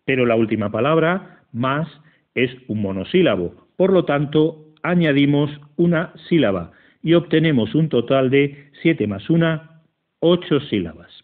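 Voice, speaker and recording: A man's voice: a little high, expressive. Man narrating a phone-thin grammar lesson. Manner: slow, methodical, counting syllables aloud. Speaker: teacher. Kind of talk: scripted educational narration. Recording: tinny phone-like audio.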